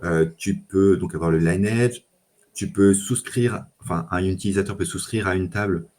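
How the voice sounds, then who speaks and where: A man speaking in casual tech chat as a data engineer guest, relaxed, with lots of fillers and restarts. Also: deep voice, normal speed.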